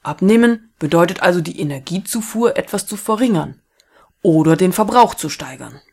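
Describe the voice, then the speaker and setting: A matter-of-fact physics teacher explaining in a storybook, read by a woman loudly and firmly. The voice stays breathy underneath the lecture. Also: on the low side, animated, moderate pace. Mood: lecturing.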